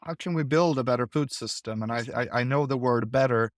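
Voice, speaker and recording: Man from Sweden, interview guest, thoughtful, stop-start phrasing, mid pitch, dry sound. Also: no echo. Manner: thoughtful, halting with repeated words. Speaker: guest, investor. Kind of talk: conversational interview.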